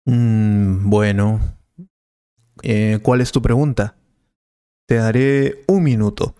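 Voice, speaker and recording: A man's voice: fairly low pitch, slow, dark tone, clear, resonant tone, dry recording, studio quality. A man as a patient male professor. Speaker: Spanish teacher. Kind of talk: scripted learner dialogue.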